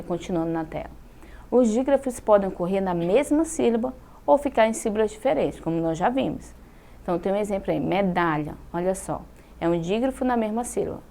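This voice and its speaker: A woman's voice: lowish voice, vocal fry, mellow. Patient Brazilian woman teacher, stretched-out words. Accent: Brazilian Portuguese. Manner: patient, drawn-out syllables with frequent "tá?" check-ins. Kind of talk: recorded classroom lesson for children.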